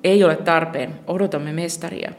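A reader voicing a brisk, impatient female hospital nurse in an audiobook, matter-of-fact and a bit gravelly. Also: mid-range voice, fairly even intonation, lightly acted.

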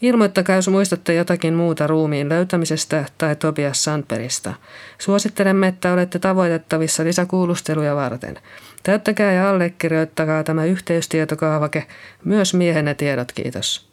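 A heavyset policeman speaks calmly in a gruff, low way, as an audiobook reader plays him. He is steady and kindly. It is an audiobook crime story. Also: natural voice. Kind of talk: audiobook reading.

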